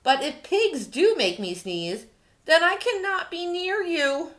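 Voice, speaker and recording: Woman playing anxious, melodramatic storybook elephant, high and loud. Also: animated, exaggerated voice. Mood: despairing. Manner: loud, emphatic, drawn-out worried delivery. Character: anxious, melodramatic elephant prone to huge sneezes.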